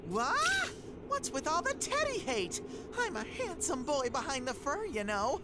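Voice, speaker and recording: Excitable, high-pitched boyish bear mascot. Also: female voice, measured pace, heavily acted. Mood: whiny indignation. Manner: exclamatory, childlike, dramatic. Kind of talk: video game voice acting. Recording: loud background noise.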